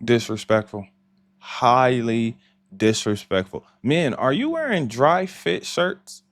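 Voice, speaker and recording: A man's voice: medium pitch, sing-song, slow, dry recording. A man hosting a reaction channel, commenting with incredulous, scolding remarks and laughing asides.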